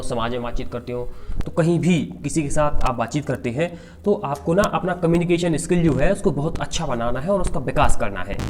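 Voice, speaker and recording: A young adult man who teaches exam preparation, giving a slide lecture and patiently repeating each point. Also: medium pitch.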